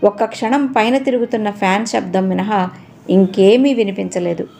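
A woman narrating an audio novel in a calm, expressive storytelling manner. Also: mid-range voice, normal speed, gravelly, faint music behind.

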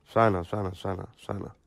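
A man's voice: low-pitched, level tone, measured pace, creaky, no room sound, clean studio sound. A man with a Sichuan accent livestreaming, reading viewer comments and ranting with heavy swearing. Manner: profane, ranting; reads viewer comments aloud. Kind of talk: livestream chat.

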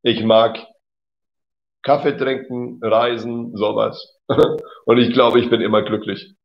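Speaking slowly in a level, creaky voice of medium pitch, a man teaches German during a laid-back livestream. He's chatty, reading comments aloud, correcting them and laughing easily. Audio quality is slightly dull lo-fi.

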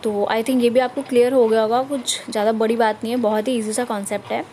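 A fairly high-voiced woman talks viewers through a shorthand lesson over her screen, one step at a time. She checks in often to make sure they are following. A steady hiss runs under the recording. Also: quick pace, low-quality recording. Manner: patient step-by-step explaining with frequent check-ins. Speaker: shorthand teacher. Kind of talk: screen-recorded tutorial explanation.

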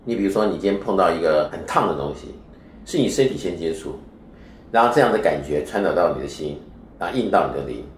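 A man's low voice comes through animated and fast as a spiritual teacher explaining his views in an interview. He lectures and often poses rhetorical questions, recorded in an echoey room with slight background noise.

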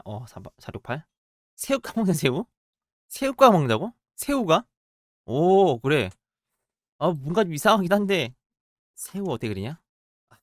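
Through clean studio audio with no room sound, a medium-pitched game streamer talks casually while sketching in a party game. Their let's-play commentary mixes playful reactions with muttering to themselves.

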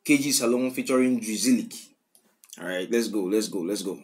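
With music in the background, a young man in his twenties with a Nigerian accent sits in a small room at home, reacting to songs for a video. He talks fairly quickly at a fairly low pitch, giving casual commentary and repeating lyrics in slangy speech.

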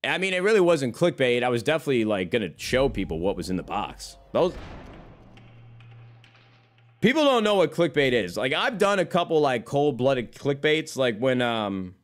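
A man's voice: medium pitch, big pitch swings, normal speed. A man in his thirties, a streamer chatting casually with his viewers. He rambles from one topic to the next, swears freely and keeps calling his listeners brother. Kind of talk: casual chat.

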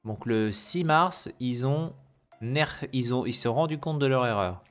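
A man hosts a gaming video and talks loosely through patch notes at a middling pitch. He stumbles through fillers and restarts, and he reads the English terms with a heavy French accent. Soft music plays faintly under his voice. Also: animated, unhurried. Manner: hesitant, many fillers and self-corrections. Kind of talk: casual commentary on game patch notes.

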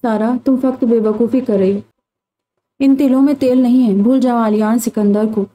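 A woman's voice: fairly high pitch, fairly even intonation, moderate pace, warm tone, close to an everyday voice, rough recording. Blunt young best friend in a storybook, read by a woman, scolding and firm.

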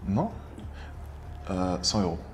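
A man's voice: sits low, big pitch swings, slow. A cocky, persuasive man in his twenties in casual flirtatious conversation. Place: bright dining room, indoors. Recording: distant hidden camera, echoey and noisy.

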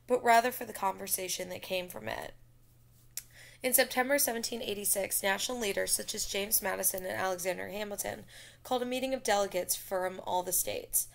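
A woman's voice: medium pitch, gravelly. A woman giving a classroom history lecture over slides, explaining to students and addressing them directly. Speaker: teacher.

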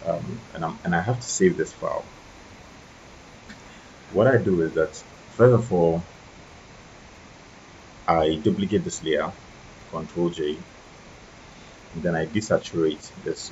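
A man with a husky voice and a very low, gravelly tone talks through a software tutorial, tired and unhurried. The recording is dull and lo-fi, with a faint hiss behind him. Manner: relaxed, many ums and restarts. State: tired late at night. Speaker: photo editing tutor. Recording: dull lo-fi mic with faint noise.

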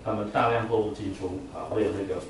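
Talking fast in a low-leaning, steady voice, a male English vocabulary teacher runs a classroom lecture. He uses "啊" as a frequent filler and gets students to repeat words, and the distant recording picks up room echo and faint noise.

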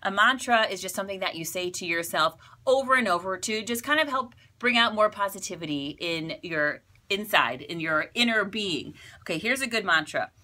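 Woman radio host, bright tone, encouraging motivational chat. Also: medium pitch, animated, moderate pace, few pauses. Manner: encouraging, chatty, playful. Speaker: radio morning show host. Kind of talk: motivational talk to camera.

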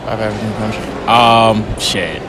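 A man's voice: lowish voice, fairly even intonation, unhurried, background noise. A young man from New York answering a street interviewer in a mall food court, laid-back and hesitant. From Long Island, New York. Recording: food court crowd behind.

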